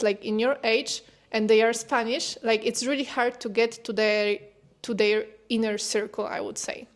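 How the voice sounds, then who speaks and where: A young woman from Poland, a non-native English speaker, chatting casually as co-host and laughing often. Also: a little high. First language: Polish. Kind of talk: casual chat.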